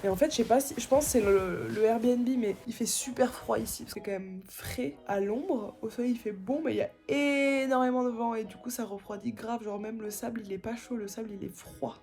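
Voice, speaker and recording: A woman's voice: a little high, fairly quick, few pauses, a little mellow, faint music behind. A young woman in her twenties from France, chatting to her phone camera on a windy beach, slangy and very tired. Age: 20s. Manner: chatty, slangy, self-mocking. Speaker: travel vlogger. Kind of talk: casual vlog talk to camera.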